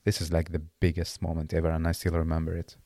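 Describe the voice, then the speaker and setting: In a casual interview, the guest, an Iraqi man in his late twenties who doesn't speak English, talks in a very deep, mellow voice with a completely flat delivery. He stops and restarts phrases while searching for words. The sound is close and dry, with little room and no echo.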